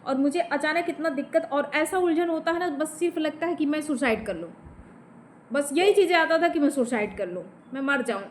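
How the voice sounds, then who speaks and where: A woman's voice: high voice, brisk, a little hiss or hum. A woman vlogger with a Bhojpuri accent speaks straight to the camera, heated and confrontational, addressing an absent man and pressing her points with repeated tag questions. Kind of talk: direct-to-camera vent.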